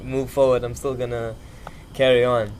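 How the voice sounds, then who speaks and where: A man's voice: mid-range voice, flat delivery, moderate pace, a little mellow. A man chatting casually as a musician in an interview, loose, slangy and rambling. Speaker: musician, podcast guest.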